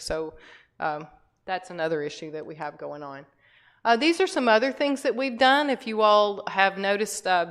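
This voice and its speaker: A middle-aged woman, a guest speaker, gives an informal talk to a church audience in a church hall. Her voice sits on the low side, and her conversational delivery is full of fillers and restarts, with light laughter.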